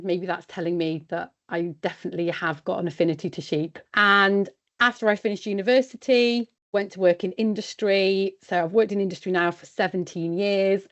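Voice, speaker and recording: A woman from West Wales, speaking in a chatty, practical way as an independent sheep consultant in a podcast interview. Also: fairly low pitch. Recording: dull, lo-fi sound.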